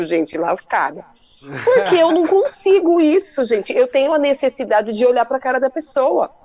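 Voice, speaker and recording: A woman's voice: fairly high pitch, darkish tone, muffled recording. A woman hosting a radio talk show, chatting casually and joking about herself in colloquial speech. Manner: chatty, self-mocking, colloquial.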